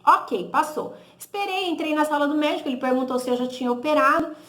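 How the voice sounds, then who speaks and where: Speaking quickly in a high, fairly bright voice, a Brazilian Portuguese-accented woman shares a personal testimony. She re-enacts dialogue in a "he said, I said" style, keeps tagging on "né?", and corrects herself often, all in a casual tone. The space sounds reverberant.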